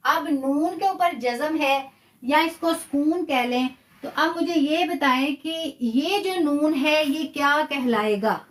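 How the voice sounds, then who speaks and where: A woman's voice: high voice, slow, fairly bright tone, echoey room, recorded from a distance. A woman with a Pakistani Urdu accent, patiently teaching a live online Quran recitation lesson, repeating key points and praising her students' answers.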